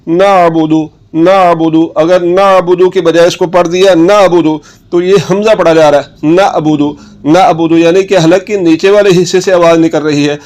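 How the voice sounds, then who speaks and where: Clear-voiced male tajweed teacher. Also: high-pitched, a little mellow. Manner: patient, repeats words slowly for practice. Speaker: Quran recitation teacher. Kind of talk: tajweed lesson.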